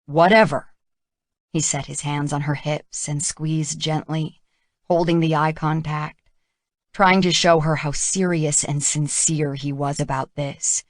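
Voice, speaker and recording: A woman narrating a romance audiobook in a measured, even reading. Her voice sits low and she takes her time. The recording is dry and close. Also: no room sound. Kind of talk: scripted narration.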